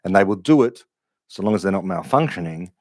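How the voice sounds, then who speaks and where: Male livestream host, lowish voice, dry sound, reflective off-the-cuff musing. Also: lively intonation, fairly quick, no echo. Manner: reflective, thinks aloud with restarts. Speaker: livestream host answering questions. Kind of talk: unscripted philosophical monologue.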